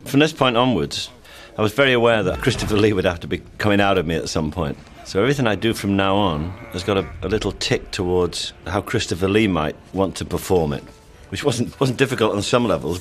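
A man's voice: low voice, fast, hardly any pauses. A man actor giving film commentary, telling candid anecdotes about the shoot.

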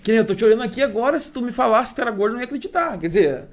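A man's voice: very high-pitched, animated, rapid-fire. A man with a southern Brazilian Portuguese accent, hosting a podcast in a casual, slangy chat. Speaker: podcast host.

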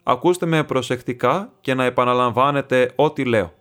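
A man voicing an elderly bishop who speaks in a solemn, measured, instructive way over faint background music. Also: mid-range voice, fairly bright tone, lightly acted. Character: elderly male bishop, earnest patient teacher.

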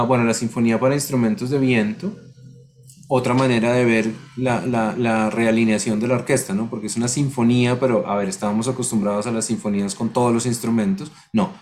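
A man's voice: mid-range voice, a little mellow. Man teaching a music class online. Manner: explanatory, sings rhythms on syllables.

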